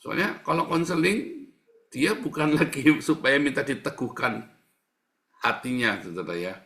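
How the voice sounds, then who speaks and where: A man's voice: on the high side, animated, a little slow, gravelly, bright, forceful tone. A male pastor giving a sermon in a joking, conversational way, often addressing the congregation directly.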